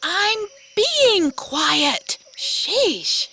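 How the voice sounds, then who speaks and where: Sassy first mate, high and bright, wisecracks. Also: female voice, sing-song, very slow, full character voice. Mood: cheeky. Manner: wisecracking, exasperated. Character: cheeky female first mate, joking. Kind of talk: children's TV puppet comedy.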